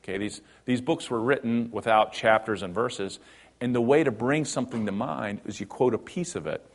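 A man delivering a sermon at a middle pitch, talking to the congregation like a teacher explaining a text. His delivery swings between emphatic bursts and quiet, low passages. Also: moderate pace. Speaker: pastor.

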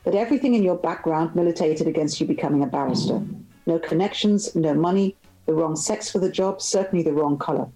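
A polished, self-assured young tycoon in a novel reading, all easy charm, as a woman reading aloud gives his lines. The voice sits low and mellow, with a faint bed of music underneath. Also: fairly quick, natural voice, rough recording. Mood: amused. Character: suave confident young male tycoon.

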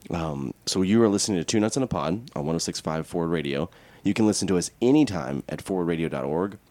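Deep-voiced man with animated delivery. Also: fast, no echo. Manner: tongue-in-cheek. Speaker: radio podcast co-host. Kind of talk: casual, joking show announcements.

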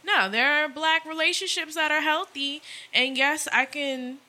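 A woman's voice: high voice, measured pace, bright, forceful tone. A woman co-hosting a podcast, talking candidly and reflectively in casual chat, with some swearing. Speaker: podcast co-host.

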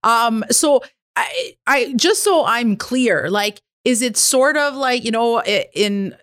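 A woman's voice: on the high side, animated, takes it slowly, a bit bright, no room sound, clean studio sound. A woman, interviewing in a casual, conversational and encouraging way.

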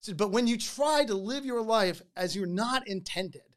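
Animated storytelling podcast host. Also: mid-range voice, moderate pace. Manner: animated, repeats words when starting sentences.

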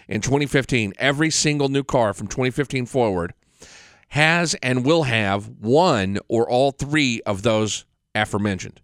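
A man hosts a casual podcast on his own. His voice is smooth and clear, recorded very dry, and he speaks bluntly and with opinion in an unscripted, conversational way. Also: mid-range voice, dry recording. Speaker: podcast host.

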